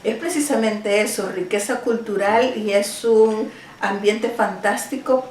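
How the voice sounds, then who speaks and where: A woman's voice: mid-range voice, a little slow, a little mellow, slight background noise. A woman from El Salvador, a teacher, answering interview questions at home, earnest and thoughtful with small restarts. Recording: roomy, mic at a distance.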